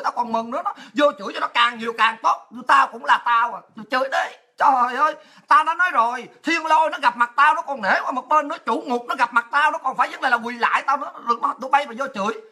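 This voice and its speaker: Fast, brassy Southern Vietnamese woman ranting. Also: sits high. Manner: aggressive, crude, taunting, often shouting. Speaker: livestream host. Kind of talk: political rant.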